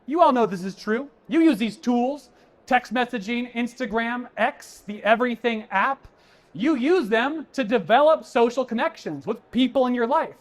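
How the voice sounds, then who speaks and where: With a very high-pitched, animated voice at a moderate pace, a man delivers a conference keynote to an audience. His style is emphatic and punchy yet conversational, and he talks directly to listeners, addressing them as folks.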